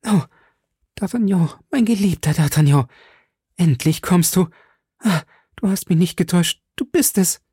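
A man's voice: sits high, lively intonation, measured pace, long pauses, mellow, husky, dry recording, clean studio sound, voice pushed up, exaggerated voice. A man voicing a frightened young woman who grows faint, with a breathless, pleading, lifted voice. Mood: yearning.

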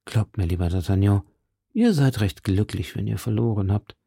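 A man voicing a calm, world-weary musketeer in an audiobook reading. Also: lowish voice, normal speed, vocal fry, husky, no room sound, studio quality. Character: brooding weary male musketeer, cynical. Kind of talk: audiobook character voice.

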